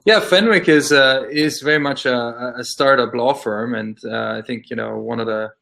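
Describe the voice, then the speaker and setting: Austrian-born man with a gravelly voice. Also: medium pitch, normal speed, sharp tone. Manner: thoughtful, hesitant with many fillers. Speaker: interview guest, law scholar. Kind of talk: casual interview.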